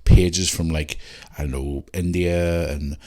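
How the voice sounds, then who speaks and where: Speaking slowly in a low, dark-toned voice with fairly even intonation, a man with a Northern Irish accent hosts a podcast. He chats casually as he goes through and answers listener messages.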